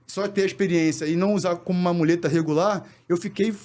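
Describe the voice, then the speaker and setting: Fast-talking Brazilian man. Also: high voice, fairly even intonation, darkish tone. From born in New York, raised in Brazil. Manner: rapid, halting, repeats words. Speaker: podcast guest, actor. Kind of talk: casual interview talk.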